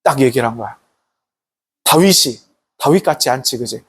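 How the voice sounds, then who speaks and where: A pastor preaching to a youth group in a lively storytelling manner. The voice rises and falls widely, with a slightly husky edge. The pastor keeps pulling the kids in with quick questions. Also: mid-range voice. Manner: animated, asks the kids questions often, tag questions.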